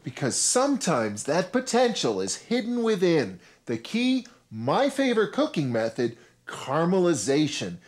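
A man in his thirties presents a scripted cooking show from a home kitchen and a supermarket, guiding viewers through every step with upbeat instruction and playful asides. His voice is fairly high and swoops wildly in pitch, and he talks a little slowly with few pauses.

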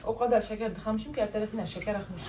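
A woman's voice: medium pitch, quick pace, dark tone. A woman chatting casually at home about her baking, in a rambling way. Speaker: vlogger's mother. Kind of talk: casual chat.

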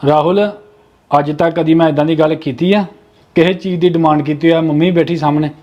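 A man's voice: on the high side, fairly even intonation, brisk, lo-fi sound. A man acting as a sulking, demanding brother-in-law in a family short film. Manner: sulky, sharp and demanding.

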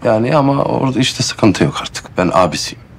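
A man's voice: mid-range voice, expressive, brisk, slight background noise, natural voice. An actor playing a doting, teasing husband and father with a playful way of talking. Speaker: husband and teacher. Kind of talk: TV drama acting.

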